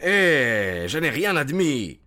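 A cornered aristocrat, impatient and defensive, acted by a man. His pitch swings widely, and he speaks in slow, drawn-out phrases. He fires back with exasperated retorts in a radio drama manner. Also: big pitch swings, bright, forceful tone, faint music behind, exaggerated voice.

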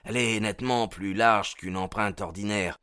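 A man voicing an eager, excitable male police inspector with emphatic outbursts. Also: sits low, unhurried, dry recording, clean studio sound. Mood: excited.

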